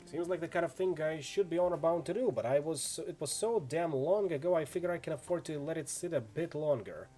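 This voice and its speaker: A man voices a friendly, easygoing orc swordsman in an acted reading of role-playing game dialogue, chatty and full of laid-back street slang. His voice is on the high side, mellow and lightly acted, brisk with hardly any pauses, and his mood is matter-of-fact and casual.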